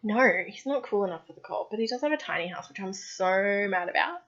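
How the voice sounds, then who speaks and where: A woman's voice: mid-range voice, expressive, fairly quick, a bit bright, highs cut off. A woman co-hosting a podcast in casual chat, talking loosely with many fillers and laughing often. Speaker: podcast co-host.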